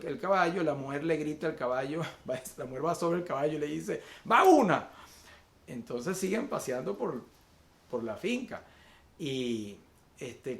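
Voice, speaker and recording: Male pastor, fairly high voice, sermon delivery with repeated words and fillers, reverberant room. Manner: repeats words while searching, fillers "eh" and "este"; slows to list virtues one by one. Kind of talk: online Sunday sermon.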